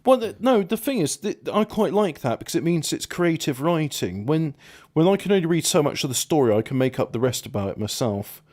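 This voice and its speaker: A man from Belgium, a podcast co-host, bantering crudely and excitably, laughing often. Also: on the high side, fairly quick, few pauses.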